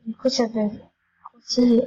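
Excitable high-voiced woman playing a game. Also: measured pace, breathy edge, muffled recording. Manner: chatty and excitable, stammers and repeats herself. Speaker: gaming YouTuber. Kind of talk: casual gameplay commentary.

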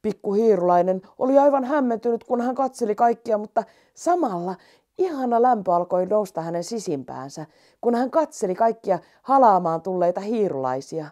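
Lady reading a kids' bedtime story, voice moves up and down a lot, gentle. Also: medium pitch, lively intonation.

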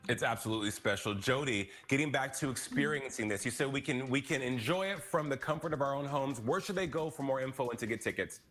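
A man's voice: mid-range voice, fast talker, hardly any pauses, a bit bright, soft background music. A young man hosting a TV interview over a video call from his living room, enthusiastic and drawing out words for emphasis. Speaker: TV host. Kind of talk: upbeat TV interview.

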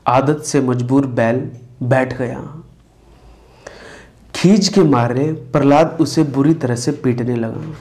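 A man narrating a devotional moral story, speaking slowly and deliberately and briefly acting out the characters' lines. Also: medium pitch, a little mellow. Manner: slow, deliberate storytelling with brief acted quotes. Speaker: spiritual storyteller.

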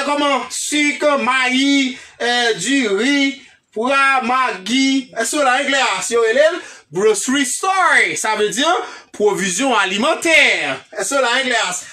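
A Haitian-accented woman teaching English in a high, bright voice. She speaks slowly and with emphasis, often stopping to check that the class follows. Her voice sits a little back from the microphone. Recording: voice a bit far from the mic.

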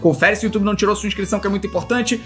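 A man in his thirties from Brazil commentating a Minecraft game, frantic, shouting and scolding himself in comic outrage. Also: high-pitched, rapid-fire, faint music behind. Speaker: gaming YouTuber. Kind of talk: excited Minecraft let's play commentary.

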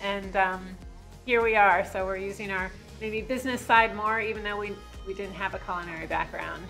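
A woman's voice: medium pitch, steady tone, normal speed, vocal fry, fairly bright tone, soft background music, rough recording. A woman in her forties, a restaurant owner, talking in a friendly, chatty way during a casual sit-down interview in a restaurant booth. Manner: friendly, chatty, laughs easily. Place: brick-walled restaurant booth, indoors. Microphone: lapel mic.

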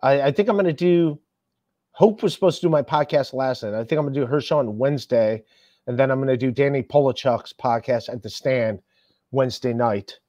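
A man's voice: mid-range voice, dark tone, no room sound, dull audio. A man hosting a casual podcast chat, swearing a lot and ranting when annoyed. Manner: profane, ranting, quick to anger. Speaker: comedian podcast host.

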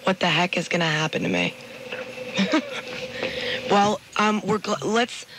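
A woman hosting a radio talk show, gushing and excitable, stumbling into restarts. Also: mid-range voice, unhurried, noisy background. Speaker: radio host. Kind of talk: casual radio chat. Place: radio studio.

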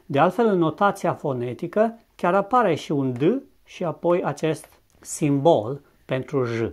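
A language teacher from Romania giving a scripted video lesson, speaking slowly and deliberately and repeating example words with careful pronunciation. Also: mid-range voice, expressive, darkish tone. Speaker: English teacher.

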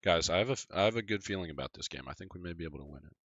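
A man streaming a game live, chatting casually with viewers and reacting excitably to the action. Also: low-pitched, rapid-fire, no room sound, muffled recording. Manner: excitable, chatty, talking to chat while playing.

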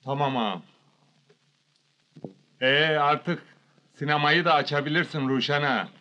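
An actor playing a bossy, self-assured village doctor in a comedy film, with a brisk, commanding manner. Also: male voice, a little high, pushed and bright. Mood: brisk, dismissive. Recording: dull old film soundtrack.

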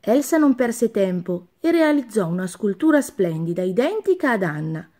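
A woman's voice: medium pitch, big pitch swings, normal speed, dark tone. Woman reading a children's story.

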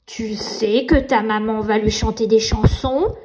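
A woman's voice: fairly high pitch, fairly even intonation, a little slow, darkish tone, a little hiss or hum, voice pushed down, natural voice. Woman acting sneering storybook nightmare monster. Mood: taunting. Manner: sneering, taunting villain delivery. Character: huge sneering nightmare monster, menacing bedtime bully. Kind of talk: children's storybook read aloud.

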